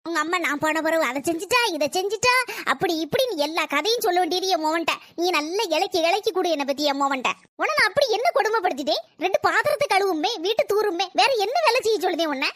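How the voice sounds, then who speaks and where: Cartoon old mother-in-law, bitter and scolding, with a woman doing the voice; very high, fast, sarcastic. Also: lively intonation, a bit bright, dry recording, clean studio sound. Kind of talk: cartoon voice acting.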